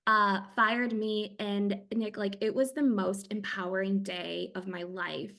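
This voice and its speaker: A middle-aged woman tells a personal story in a relaxed podcast chat. There is a gravelly fry in her voice, and she slips into the voices of the people she quotes. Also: medium pitch, a little slow. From Michigan. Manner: animated storytelling with acted-out quotes and laughter. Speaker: podcast guest. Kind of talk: casual chat.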